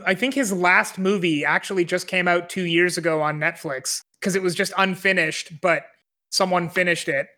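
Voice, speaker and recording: Bright high-voiced man, hesitant podcast host. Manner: hesitant, many fillers and restarts. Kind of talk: casual film discussion.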